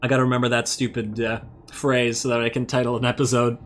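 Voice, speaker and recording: A man's voice: mid-range voice, little pitch movement, quick pace. Man musing aloud over a strategy game. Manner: thinks aloud, musing and self-amused, trailing off to mutters. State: slightly losing his voice. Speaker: strategy game let's-play host. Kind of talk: casual gameplay commentary.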